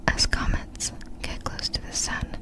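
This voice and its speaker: An ASMR creator, a woman, narrates facts in a breathy whisper from start to finish. She speaks very slowly and deliberately, with gentle pauses between short phrases.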